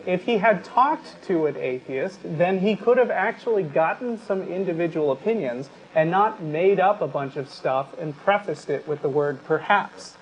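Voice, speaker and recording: A man with a high voice co-hosts a talk show, speaking deliberately, emphatically, and articulately whether he's reading aloud or sharing his opinion. The sound is lo-fi, with steady background noise.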